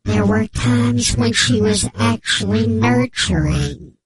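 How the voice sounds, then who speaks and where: A man playing an anonymous male informant whose voice is disguised, speaking in a slow, solemn, mock-dramatic way on a comic sports radio bit. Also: very high voice, expressive, a crowd in the background, full character voice. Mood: grave, mock-secretive.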